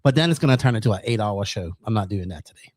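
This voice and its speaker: Excitable man, podcast co-host. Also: lowish voice, fast, no echo, studio quality. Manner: excitable, swears, shouts with enthusiasm. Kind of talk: casual podcast chat.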